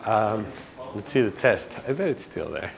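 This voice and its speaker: Low-voiced man, rambling. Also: moderate pace, vocal fry. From Ecuador. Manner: rambling, relaxed, many fillers and restarts. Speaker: graduate student giving a campus tour. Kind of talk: casual documentary interview.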